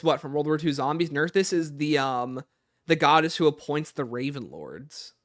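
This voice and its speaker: A male livestream host with a higher, lively voice reads chat questions aloud and answers them in a casual Q&A, faint music running underneath. He's informal and thinks out loud as he goes.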